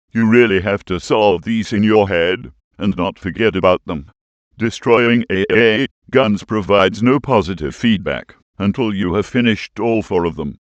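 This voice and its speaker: Old tts robot guy voice, kinda low, stilted review narration, muffled lo-fi sound. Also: no echo. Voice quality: synthetic, robotic old text-to-speech voice. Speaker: game reviewer.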